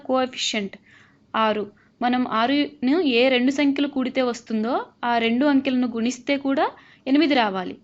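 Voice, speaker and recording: Woman, high voice, patient math teacher, voice-over lesson, muffled lo-fi audio. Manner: patient, asks learners to check along. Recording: slightly dull lo-fi recording.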